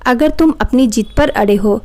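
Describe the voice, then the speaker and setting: A woman's voice: on the high side, moderate pace, a little mellow, lightly acted. A woman voicing a proud, angry young wife who talks sharply and defiantly.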